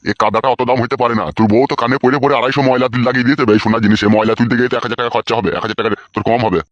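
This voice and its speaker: A man's voice: medium pitch, steady tone, rapid-fire, no room sound, highs cut off, lightly acted. A man playing a coarse older village uncle in a comic skit, who scolds and swears. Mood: gruff.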